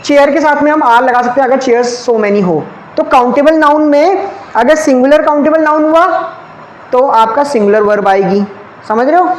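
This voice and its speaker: A man's voice: very high-pitched, moderate pace. A man teaching an exam-prep grammar lesson in a classroom, asking questions and answering them himself and checking often whether the class has understood. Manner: checks often with "clear?" and "okay". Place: classroom with ceiling fans. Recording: echoey room, faint background hum.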